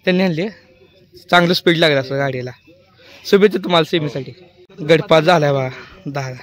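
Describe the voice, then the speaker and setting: A man working as a field reporter, firing off brisk, repetitive questions at a bullock cart race and echoing back the answers. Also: fairly high pitch. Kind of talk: quick roadside interviews.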